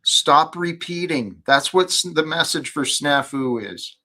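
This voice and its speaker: A man's voice: a little high, lively intonation, a little slow, sharp tone. A man hosting an earnest spiritual discussion in a preachy, emphatic way. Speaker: host of a faith discussion.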